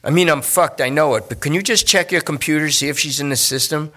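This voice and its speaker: Guy putting on a whiny junkie dude, rambling, higher voice, bright tone. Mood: pleading. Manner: whiny, rambling, fast bursts. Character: jittery male junkie, pleading and talkative.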